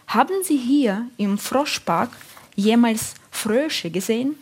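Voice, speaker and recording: A woman's voice: on the high side, lively intonation, slow pace, husky, exaggerated voice. A woman voicing a very old, friendly but confused lady who talks in a cheerful, conspiratorial way in an audiobook.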